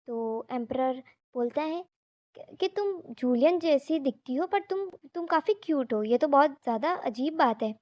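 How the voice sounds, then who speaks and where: High-voiced woman retelling a manga. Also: mellow, no room sound, clean studio sound. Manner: chatty, mixes English words, briefly voices the characters' lines. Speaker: manga story narrator. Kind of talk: casual retelling of a manga story.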